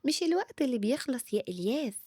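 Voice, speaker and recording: A woman with an Egyptian Arabic accent voicing a calm, orderly big sister who speaks patiently. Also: high voice, very fast, breathy edge, no echo, studio quality, exaggerated voice. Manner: calm, patient, gently wise.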